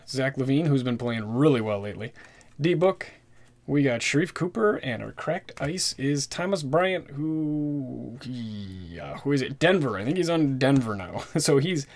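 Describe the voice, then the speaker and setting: A man chatting casually while opening trading card packs, rattling off player names and getting excited at good pulls. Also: mid-range voice, noisy background. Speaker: card-collecting YouTuber. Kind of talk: casual pack-opening commentary. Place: indoors at a desk with a card display backdrop.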